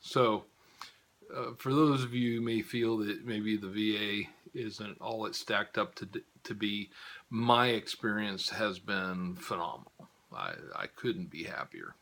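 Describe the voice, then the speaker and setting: A man's voice: fairly low pitch, measured pace, vocal fry, a bit bright. An older man giving a casual spoken update to viewers, rambling with frequent chuckles and fillers. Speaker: vlogger giving a health update.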